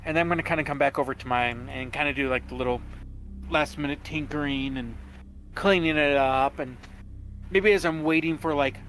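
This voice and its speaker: A man's voice: fairly high pitch, fairly quick, a bit bright, a little hiss or hum, low-quality recording. A man playing a tabletop game, casually describing his character's moves in a rambling, joking way. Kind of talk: casual role-play chat, describing his character's actions.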